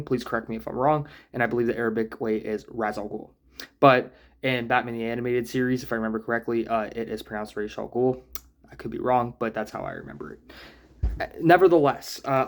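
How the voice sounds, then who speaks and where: Man, channel host, relaxed review monologue, reflective with the odd filler, mid-range voice. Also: medium pitch. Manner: thoughtful, musing, with small hedges and fillers. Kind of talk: casual spoken analysis monologue.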